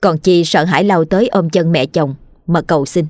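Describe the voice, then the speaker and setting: A woman narrating a ghost story in a slow, sorrowful storytelling manner. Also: lowish voice, darkish tone, dry recording, studio quality.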